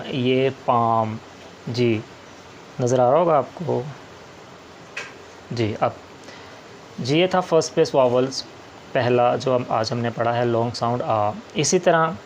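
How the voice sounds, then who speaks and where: A man's voice: mid-range voice, darkish tone, a little hiss or hum. A man teaching shorthand step by step, patient and repetitive, often opening with "ji". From Pakistan. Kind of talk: slow step-by-step classroom explanation.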